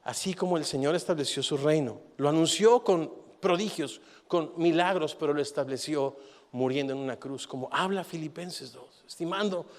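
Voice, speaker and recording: A man delivering a sermon in a fairly high voice, shifting between forceful emphatic peaks and soft reflective lines. His words ring out with a long hall reverb behind them. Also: normal speed. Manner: animated preaching, rising and falling in intensity. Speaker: pastor.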